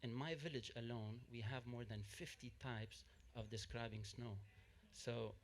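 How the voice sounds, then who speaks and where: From the audience of a panel, a man from Lebanon, a native Arabic speaker, makes his point in a medium-pitched, fairly even voice. Unhurried, he explains earnestly and steadily, correcting an earlier statement. Slight background noise is present.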